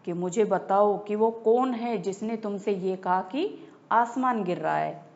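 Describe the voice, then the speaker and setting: A woman voicing an angry male lion who is king of the jungle and barks loud commands in a storybook lesson. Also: mid-range voice, measured pace, gravelly, lo-fi sound. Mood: angry, commanding.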